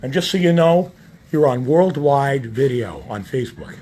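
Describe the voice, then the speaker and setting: A man's voice: mid-range voice, expressive, normal speed, warm tone, slight background noise. A man livestreaming from a hospital room on his phone, talking in a belligerent, profane way. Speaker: patient livestreaming from a hospital bed. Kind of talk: ranting livestream monologue. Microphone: phone held by the speaker.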